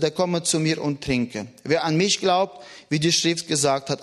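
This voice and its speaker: A man preaching a sermon in an earnest, emphatic way, with a foreign accent. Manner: earnest, emphatic, rises and drops in pitch.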